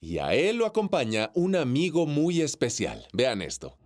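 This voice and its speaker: A man's voice: mid-range voice, wildly swooping pitch, normal speed, a little mellow. A man hosting a television show, introducing guests and segments with enthusiastic presenting. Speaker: host.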